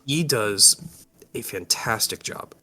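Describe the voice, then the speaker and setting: A man with a bright, forceful voice chats with friends on a podcast. His talk is loose and joking, full of little fillers. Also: lowish voice, slow pace. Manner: animated, joking, hesitant fillers. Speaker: podcast co-host. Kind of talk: casual chat.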